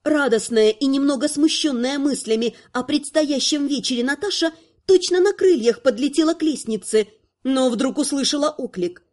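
A woman giving a scripted narration of a fantasy story in an even, expressive reading. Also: high-pitched, normal speed.

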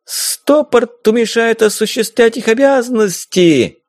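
A man's voice: extremely high pitch, lively intonation, slow, dry recording, clean studio sound, voice pushed up, exaggerated voice. A man doing a prim insistent young woman. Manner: earnest, lecturing.

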